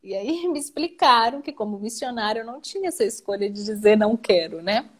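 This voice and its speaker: A woman with a Brazilian Portuguese accent telling her own story as an interview guest. She speaks in an animated way, often adds "né?" and leaps up in pitch. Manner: animated, with frequent "né?" tags and sudden jumps up in pitch. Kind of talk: emotional personal storytelling in a live interview.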